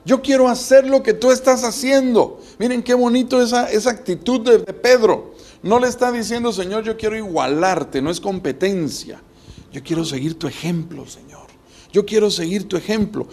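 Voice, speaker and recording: A man's voice: high voice, gravelly, a little mellow. A man preaching a sermon as pastor, building emphasis with rhetorical questions.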